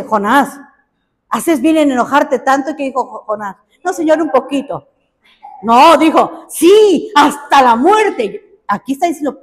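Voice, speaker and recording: A woman preaches to her congregation in a bright, high voice. She talks expressively and keeps putting questions to her listeners. Her voice rings out in a large hall with a long echo. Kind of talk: sermon.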